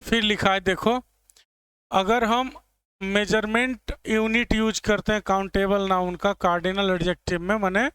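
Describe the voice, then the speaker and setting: A man gives a classroom lecture on English grammar, walking through each example step by step and checking that students follow. His voice sits high and sounds smooth and crisp. The recording is close and dry. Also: steady tone, a little slow, a bit bright, no room sound. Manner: explains step by step, asks students "clear?". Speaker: English teacher.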